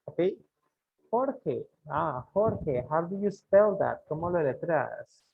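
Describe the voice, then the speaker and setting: A man leads an online English class, spelling letters out one by one and repeating each phrase. His voice sits fairly high and sounds husky and gravelly. It comes through a thin, phone-like line. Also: expressive. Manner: slow, deliberate spelling drills, repeating phrases. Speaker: English teacher.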